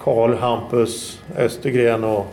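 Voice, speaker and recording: A man's voice: medium pitch, little pitch movement, a little mellow, a little hiss or hum. A man co-hosting a casual, joking talk show, teasing his partner and echoing his words. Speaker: co-host. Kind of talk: casual comedic chat.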